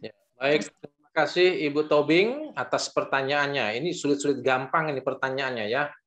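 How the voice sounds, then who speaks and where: A man's voice: medium pitch, moderate pace, fairly bright tone. Male host moderating a video-call discussion, friendly, keeps inviting questions. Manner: friendly, inviting, frequent "ya" and "silakan". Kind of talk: moderating an online Bible study discussion.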